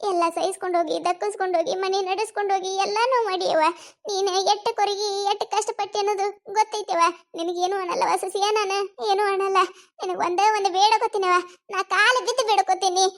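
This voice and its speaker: A woman's voice: extremely high pitch, steady tone, fast talker. A woman with a North Karnataka accent voicing a scolding elderly village mother-in-law in a cartoon comedy, rustic and blunt, fierce with her son and doting with her daughter-in-law. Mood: consoling. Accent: North Karnataka Kannada.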